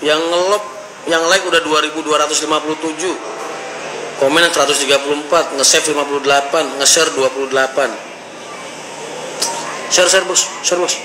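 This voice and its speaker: This livestream or vlog host has a fairly high, steady voice and talks briskly, leaving long pauses. He reads out comments and chats informally with slangy banter, over loud background noise and a roomy echo.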